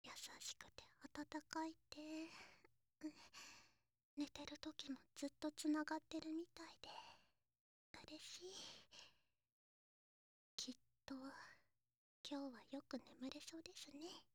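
A woman's voice: sits high, steady tone, takes it slowly, pauses often, dry recording, clean studio sound. A woman voicing a devoted, sweet young maid in an intimate ASMR role-play, speaking politely and clingingly to her master. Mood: affectionate, sleepy. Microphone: close mic in a dry room.

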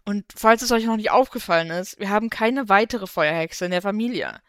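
A woman's voice: medium pitch, a little fast, no room sound, studio quality, natural voice. A woman voicing a sulky teenage witch girl in a storybook reading, complaining in an everyday tone.

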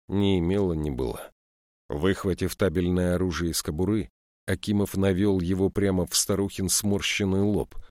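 A male audiobook narrator with a very deep voice, reading in a measured storytelling manner. The sound is close and completely dry, with no room around it. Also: a little mellow, dry recording. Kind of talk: scripted narration.

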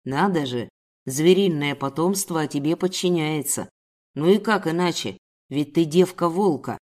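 A woman voicing a tall male kidnapper who speaks in a gruff, contemptuous way, lowering her voice to play him. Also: normal speed, a little mellow, lightly acted. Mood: sneering. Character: menacing tall male kidnapper, sneering and cold.

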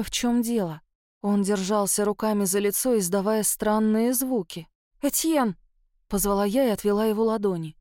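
A woman narrating a first-person novel in an expressive reading voice. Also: mid-range voice, no room sound, studio quality. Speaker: audiobook narrator.

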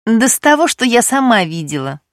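A woman voicing a sharp young woman who hurls accusations in a raised voice in an audiobook. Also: on the high side, big pitch swings, a little fast, no echo, studio quality, voice pushed up. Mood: accusing.

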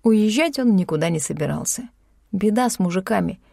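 A woman narrating a first-person novel as an audiobook, calm, wry and even-paced. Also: mid-range voice, brisk, vocal fry, no echo. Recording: dry close studio sound.

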